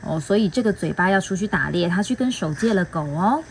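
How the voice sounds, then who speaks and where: Gentle sing-song woman storyteller. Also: lowish voice, lively intonation, a little fast, a little hiss or hum. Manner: gentle, sing-song, asking little questions. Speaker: storyteller host. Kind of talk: reading a picture book aloud to a child.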